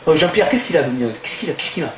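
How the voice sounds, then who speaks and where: A man playing a crude, loud restaurant owner from Toulon with a southern French accent, swinging between fake charm and insults in a live stand-up sketch. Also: a little high, lively intonation, very fast, background noise, voice pushed down, close to an everyday voice. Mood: grumbling. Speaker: stand-up comedian. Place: theatre stage before an audience. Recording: echoey live hall.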